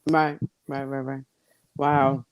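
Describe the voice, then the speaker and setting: A woman's voice: rumbling low, flat delivery, slow, no room sound, highs cut off. A woman podcast host asking probing, supportive follow-up questions and sharing her own experience.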